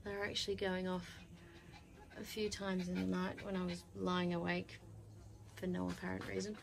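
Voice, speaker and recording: Filming a walk-around vlog from behind a handheld phone or camera, a woman explores a bush campsite and offers casual, off-the-cuff commentary. Her voice is on the low side with vocal fry, moderately paced and completely flat, as she muses aloud and trails off. Background noise comes through the outdoor handheld recording.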